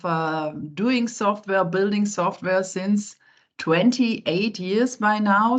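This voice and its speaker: Female, middle-aged, conversational panel introduction, average pitch, muffled online-call sound. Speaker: panelist, software company CEO. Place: online video meeting. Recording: slightly dull online call audio.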